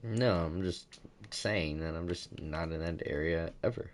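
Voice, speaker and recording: A man's voice: low voice, measured pace, a little hiss or hum. A young man in casual gaming chat over a headset, laid-back and dismissive, calling his friends bro. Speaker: online league player.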